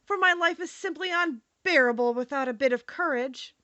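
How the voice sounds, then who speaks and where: A woman's voice: high-pitched, normal speed, pushed and bright, no room sound, muffled recording, pitched above the performer's own voice. A woman reading aloud and voicing a big male lion who is a sorrowful coward, in a plaintive, self-pitying manner. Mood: mournful. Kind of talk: audiobook character reading.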